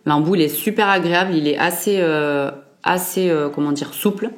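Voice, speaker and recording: A young beauty vlogger talks casually through a makeup review in a low-sitting voice at a moderate pace, using plenty of fillers and correcting herself often.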